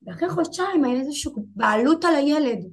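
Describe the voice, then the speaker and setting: A woman in her twenties telling a painful personal story as an interview guest, halting and repeating herself. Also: high voice, lively intonation. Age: 20s. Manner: halting, repeats herself, voices rise and fall with emotion.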